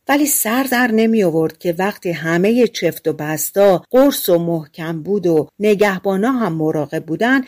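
A woman reading a fairy tale aloud as an audiobook narrator, lively and giving the characters their own lines. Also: on the low side. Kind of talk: storybook narration.

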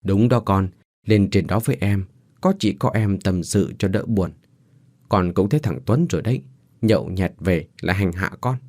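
A man voicing a worried older mother who talks in a hurried, fussing way. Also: low voice, a little mellow, dry recording, clean studio sound. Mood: urging.

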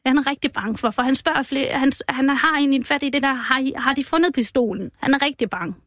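A woman who is a mother, telling a personal account as a guest in an interview, halting and emotional with many restarts. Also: high-pitched, a bit bright, no room sound, clean studio sound. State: moved.

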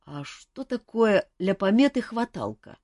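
A woman voicing a gruff, curt grown man who grumbles his short replies. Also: medium pitch, sing-song, a little slow, mellow, dry recording, clean studio sound, pitched above the performer's own voice.

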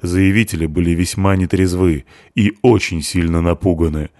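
A man's voice: low-pitched, steady tone, a little mellow, no echo, clean studio sound. A man voicing a formal police deputy. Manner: formal, measured. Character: methodical by-the-book male police deputy.

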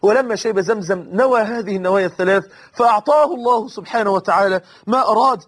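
A man with an Egyptian Arabic accent delivers a sermon in a high, husky voice. He talks quickly and with feeling, swears oaths and climbs into pleading cries. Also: fairly bright tone. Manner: emotional, swears oaths, rises to high impassioned pleas. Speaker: preacher.

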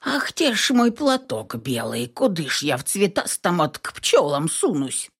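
A woman voicing a loud, quarrelsome old village granny who shouts and scolds in rustic dialect. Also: on the low side, big pitch swings, a little slow, husky, full character voice. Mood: fussing.

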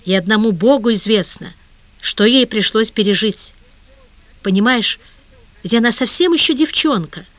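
An audiobook reader voicing a commanding male newspaper boss with a brisk manner. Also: mid-range voice, lively intonation, a bit bright, no room sound, natural voice. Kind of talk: audiobook character reading.

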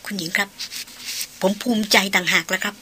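A woman reading a novel aloud, voicing a humble, devoted male jungle guide who speaks softly and formally. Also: mid-range voice, fairly even intonation, fairly quick, a little hiss or hum, close to an everyday voice. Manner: deferential, hushed and formal.

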